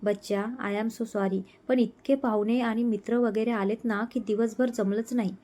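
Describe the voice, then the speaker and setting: A woman voicing a tender, reassuring young man who speaks gently and unhurriedly to his fiancée. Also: a little high, steady tone, moderate pace, natural voice.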